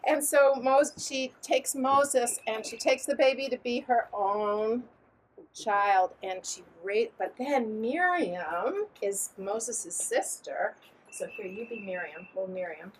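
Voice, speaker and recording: A woman telling a story to children at a family gathering at home, in a playful, animated way with dramatic swings in pitch. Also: takes it slowly, low-quality recording. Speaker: storyteller at a family Passover seder.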